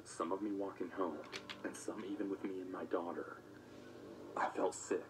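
Deep-voiced man narrating over music. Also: level tone, normal speed, background noise. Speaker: narrator of an animated story. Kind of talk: scripted first-person narration. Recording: music playing under the voice.

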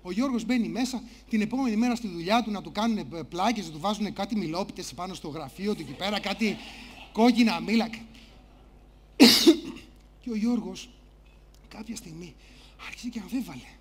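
Animated male conference storyteller. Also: high-pitched, pauses often, slightly rough. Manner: animated, theatrical, acts out voices. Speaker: conference speaker. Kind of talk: live storytelling talk. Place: conference stage.

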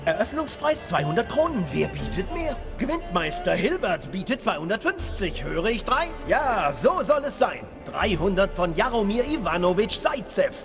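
An actor playing a showy, courteous auctioneer in a fantasy game, calling bids with formal theatrical patter. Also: male voice, high-pitched, sing-song, normal speed, hardly any pauses, music in the background. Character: showy, courteous male auctioneer addressing genteel guests.

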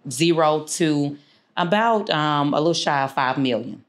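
A woman in her thirties from Houston, a business owner talking through her career as an interview guest, unhurried and full of fillers. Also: low-pitched, animated. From Houston, Texas. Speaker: guest, insurance agency owner. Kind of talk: casual interview. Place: small studio room, seated.

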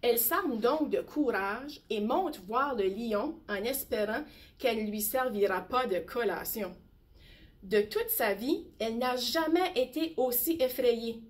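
A woman teacher reading a bedtime story aloud slowly and expressively. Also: fairly high pitch. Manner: slow, gentle, expressive.

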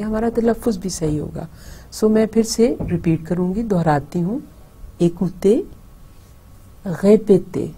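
A woman's voice: fairly low pitch, mellow, husky. A woman with a Pakistani Urdu accent teaching an online language lecture, patiently drilling pronunciation syllable by syllable.

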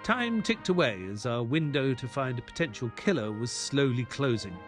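An actor playing Doctor Watson, a gentleman sidekick who narrates an audio drama in a measured storytelling manner. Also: mid-range voice, lively intonation, lightly acted. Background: music.

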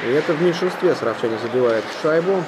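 A man's voice: a little high, expressive, quick pace. A man giving live ice hockey play-by-play in short, clipped phrases. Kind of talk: live sports play-by-play commentary. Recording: very noisy arena, loud crowd. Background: loud crowd and rink noise.

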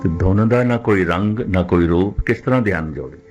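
A man preaching a Sikh sermon who poses rhetorical questions and slows right down to recite scripture lines. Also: deep voice, a little mellow, soft background music. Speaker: Sikh preacher giving katha.

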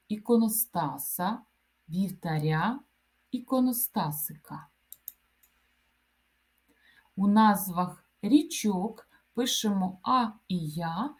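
Woman teacher, grammar lesson; unhurried, measured word-by-word delivery. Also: mid-range voice. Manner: slow, deliberate dictation-like delivery. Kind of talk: grammar lesson, reading example word lists.

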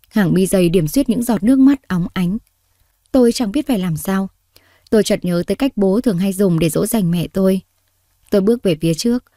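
A woman storyteller reading a story aloud in a steady, expressive way. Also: mid-range voice, dry recording, clean studio sound. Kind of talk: scripted story narration.

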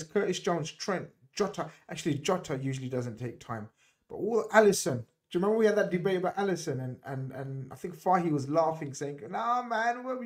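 A middle-aged man hosting a casual football chat over a video call, emphatic and repeating words for stress. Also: sits high. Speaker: host. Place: home room, video call. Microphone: desk mic on video call.

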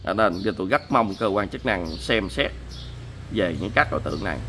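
A man's voice: sits low, animated, fairly quick, fairly bright tone, a little hiss or hum. A man giving heated, indignant commentary to his viewers, scolding emphatically and repeating himself. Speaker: online commentator.

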